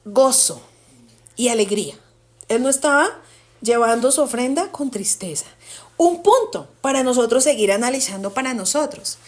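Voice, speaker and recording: Woman, Bible study teacher, high voice, emphatic, questions to the group. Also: animated. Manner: asks the group questions and repeats answers; emphatic, slows down on key words. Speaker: congregation teacher.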